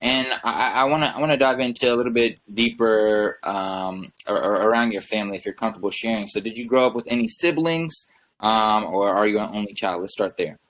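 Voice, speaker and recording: A man hosts a podcast in a friendly, easygoing way, his voice on the low side. He asks long, rambling questions and calls his guest brother. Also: a little fast, fairly bright tone, low-quality recording. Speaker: podcast host. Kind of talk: casual interview hosting.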